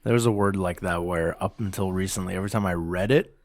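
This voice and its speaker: A man in casual podcast chat, telling a relaxed anecdote. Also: low voice, fast, no echo. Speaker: podcast guest and contestant.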